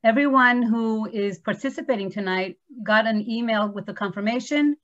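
A woman moderator with a slight lisp reads audience questions aloud during a virtual lecture. Her sound comes through a video call that is a little dull and lo-fi. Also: mid-range voice. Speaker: museum staff moderator.

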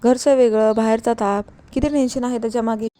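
A woman's voice: on the high side, steady tone, quick pace, dark tone, lightly acted. A woman reading the lines of a stern old grandmother who speaks in a curt, scolding way.

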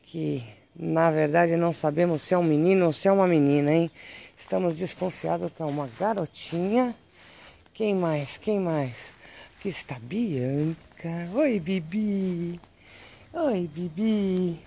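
Slow, gravelly Brazilian woman cooing at pets. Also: fairly low pitch, warm tone, a little hiss or hum. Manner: affectionate, coos and baby-talks to pets. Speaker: animal channel vlogger. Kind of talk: casual vlog narration while filming. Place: outdoors among animal pens and a vegetable garden. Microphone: handheld phone camera.

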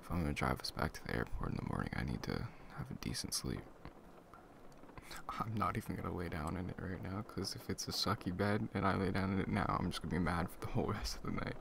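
A young man acting as a laid-back, caring best friend in a casual, intimate ASMR boyfriend role-play, murmuring conversationally with a gravelly voice. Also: low voice, lively intonation, fast talker, full character voice. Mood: casual, relaxed. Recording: clear background noise, ambient sound.

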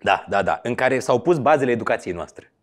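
A man's voice: mid-range voice, lively intonation. A man in his thirties, a radio host and comedian, chatting as an interview guest in a joking, sarcastic way. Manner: joking and sarcastic, breaks into loud mock quotes. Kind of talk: casual interview chat.

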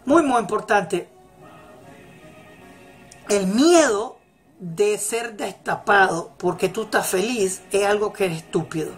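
Woman preaching, emphatic, repeats phrases, mid pitch, faint music behind. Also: slow, pauses often, breathy edge. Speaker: religious teacher. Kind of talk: motivational religious talk. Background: faint celebration music.

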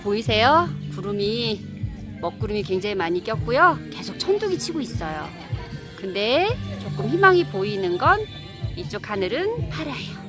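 Here the woman's pitch is a little high and swings widely as she talks at a moderate pace. She narrates an outdoor Kenyan wedding in a relaxed, chatty voice-over full of laughter, with music running underneath.

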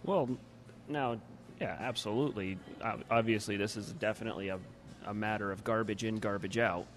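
Folksy low-voiced male host. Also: moderate pace, faint music behind. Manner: chatty, agreeable, folksy. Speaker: podcast host. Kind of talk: casual interview chat.

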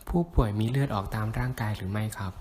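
A man with a fairly low voice asks methodical, polite emergency call questions. The recording is noisy, with long hollow reverb. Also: fast, a little mellow. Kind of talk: scripted emergency phone triage questions.

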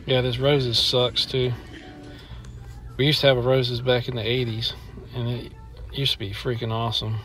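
Middle-aged guy griping flat and blunt while filming a mall on his phone, quiet music in the back. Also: mid-range voice, moderate pace. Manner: grumbling, blunt, complaining. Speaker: vlogger. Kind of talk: walking mall tour vlog. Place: indoor shopping mall, walking.

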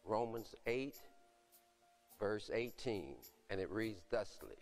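An older man, a deacon, reading scripture and praying from a podium on a dark church stage in a slow, solemn, measured way. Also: lowish voice.

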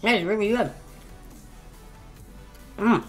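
A woman's voice: mid-range voice, slow pace, faint music behind. A woman chatting casually in a food tasting vlog, talking with her mouth full while chewing. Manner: chatty, laughs easily. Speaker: vlogger.

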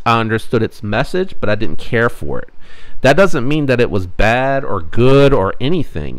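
A middle-aged man from the United States talks through his views in a casual, earnest commentary. His voice sits a little low, and he often pauses on an "um" or restarts a phrase while he thinks it through. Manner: earnest, reflective, many ums and restarts. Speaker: channel host. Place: indoors at a table with knives laid out.

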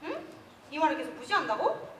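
A woman's voice: high-pitched, wildly swooping pitch, brisk, a bit bright, full character voice. A teenage girl in a school play, acting an outspoken schoolgirl who teases her friends. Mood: teasing. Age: teens. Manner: brash, teasing. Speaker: student actor in a school play. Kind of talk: amateur stage acting. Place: school auditorium stage. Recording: hall reverb, far mic, crowd and noise.

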